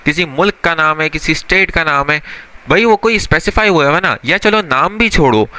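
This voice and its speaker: A young male teacher gives a grammar lesson in a friendly classroom manner. His voice is bright and crisp, smooth and clear, a touch higher than most men's. He keeps asking rhetorical questions and answering them himself, calling his students son and brother. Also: animated, normal speed.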